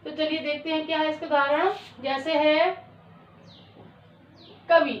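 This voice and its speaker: A woman teacher giving a classroom lesson, who dictates slowly, repeats words and quizzes her students with questions. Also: high-pitched, little pitch movement, recorded from a distance, a little hiss or hum. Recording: echoey, dull sound from away from the mic.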